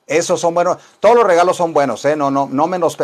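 A man's voice: on the high side, fast talker. A man with a Mexican Spanish accent teaching English on a live stream, joking and rambling with his viewers. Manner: playful, rambling, teasing asides to viewers.

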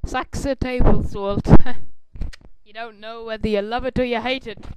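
A man's voice: very high-pitched, fairly even intonation, normal speed, heavy background noise. Tipsy young man, silly and offhand. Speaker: co-host.

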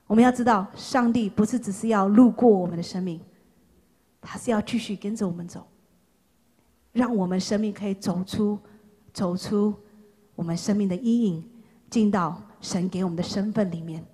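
Here the preacher's voice is medium-pitched and slightly rough, at a normal speed. Addressing young people with passion, she moves from loud calls to hushed words and keeps repeating phrases to drive points home.

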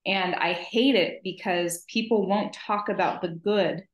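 A woman's voice: mid-range voice, steady tone, measured pace, roomy sound. A woman in her thirties, a podcast co-host speaking earnestly and emphatically in casual conversation over a video call. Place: home office, video call.

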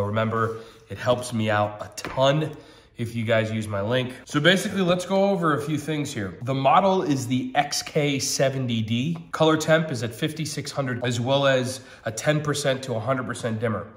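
Sitting at a table at home, a thirty-something man whose cold makes him a little nasal chats cheerfully through a product review, filling his thinking-aloud with ums. His pitch is medium, and the room is echoey.

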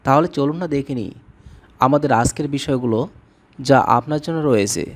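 A man who speaks Bengali as his first language, giving a scripted language lesson and slowly repeating each word with its meaning. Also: mid-range voice. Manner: slow, repetitive word-by-word drilling. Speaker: language teacher.

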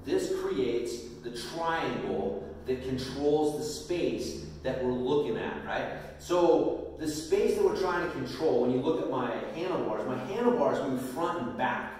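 A man's voice: mid-range voice, measured pace, few pauses, a little mellow. Echoey casual coaching man. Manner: casual, demonstrative, frequent fillers. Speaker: mountain bike strength coach. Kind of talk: instructional video talk. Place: home gym with hard floor. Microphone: far camera. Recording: echoey room from far off.

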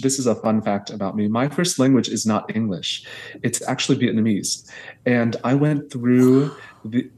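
The recording is rough, carrying a man's medium-pitched, darkish voice. He's a guest choral conductor in his thirties from the Houston area, talking earnestly on a podcast over a video call with earbuds from a small bedroom, reflective and prone to long, restarted sentences.

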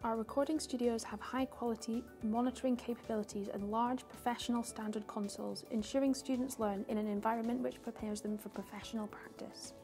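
A young woman narrates a guided tour in a fairly high voice. She is calm and informative, reading prepared lines clearly as a guide would. Music plays behind her. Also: a little fast, hardly any pauses. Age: young adult. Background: background music.

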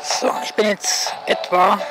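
A person giving casual, off-the-cuff field test commentary in a halting way, as if thinking aloud, recorded outdoors on a handheld camera. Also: low-quality recording. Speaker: amateur electronics video maker. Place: outdoors on a paved path. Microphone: handheld camera's built-in microphone. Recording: music and radio noise behind voice. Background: music playing over a radio.

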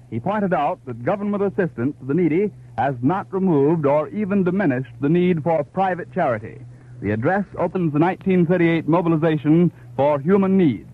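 An American male announcer reads a bulletin in formal 1930s newsreel narrator fashion. His voice sits on the high side. The sound is thin and narrow, like an old radio broadcast. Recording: tinny, band-limited 1930s radio recording.

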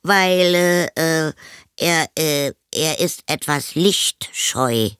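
A stammering, flustered young boy from a storybook, high and boyish, dodging every question, as a woman reads him aloud. He is nervous and evasive, tripping over his words in a slow, deliberate delivery. The studio sound is dry. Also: a bit bright, clean tone, no echo, full character voice. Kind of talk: audiobook character reading.

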